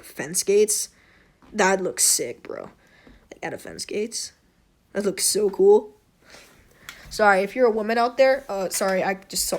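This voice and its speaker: Hoarse, slightly wheezy woman rambling casually. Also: mid-range voice. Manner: rambling, self-deprecating, apologetic. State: hoarse throat. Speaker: tutorial host. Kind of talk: casual unscripted game tutorial commentary.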